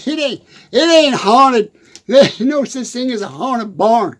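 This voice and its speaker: A man's voice: extremely high pitch, exaggerated voice. A man doing a giggly Texan redneck. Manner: constant giggling, folksy rural grammar. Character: giggly good-ol'-boy Texas redneck man. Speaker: comedic country character. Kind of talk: rambling comic monologue.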